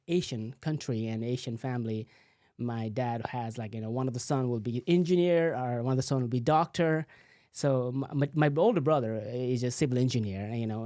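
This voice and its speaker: A man's voice: mid-range voice, dark tone, dry recording, studio quality. A man, a physical therapist telling his story as a guest, full of "you know" fillers. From Nepal. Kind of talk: casual interview answers.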